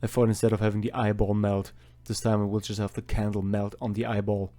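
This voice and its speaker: An Austrian artist vlogger, a native German speaker, rambles casually in a low, mellow voice while drawing. His delivery is flat and fairly quick, chatty and self-deprecating.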